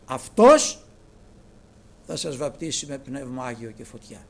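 A man preaching a sermon to his congregation with passion, dropping to a hush and then rising to loud exclamations. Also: medium pitch, vocal fry, slight background noise. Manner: impassioned, swinging from hushed to loud.

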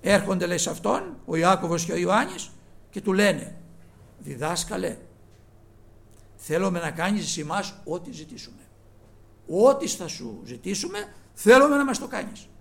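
Male preacher, high and very animated voice, rough edge, loud-to-hushed swings. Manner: swings between loud exclaiming and low quiet asides. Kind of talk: sermon.

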